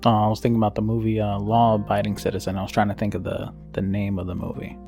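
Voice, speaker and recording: Male co-host, low gravelly voice, brash and joking casual banter, lots of swearing. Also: monotone, fast talker, dark tone, faint music behind. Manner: brash, joking, heavily profane. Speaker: podcast co-host.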